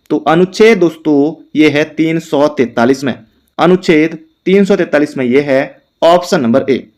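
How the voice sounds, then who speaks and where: A young man teaching an exam quiz lesson. He reads each question slowly and explains the answers in quick bursts, calling his listeners friends all the time. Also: fairly high pitch, darkish tone.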